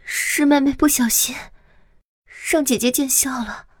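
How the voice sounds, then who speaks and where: An actress playing a fragile, scheming young imperial consort in an audio drama, with a tearful, breathless delivery. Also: female voice, sits high, steady tone, unhurried, no echo, clean studio sound. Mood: demure.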